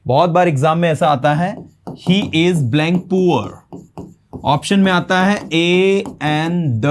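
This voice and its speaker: In a classroom-style grammar lesson, a man with a Hindi accent explains English grammar in Hindi sprinkled with English terms. His voice is a little high, and he poses rhetorical questions before answering them himself.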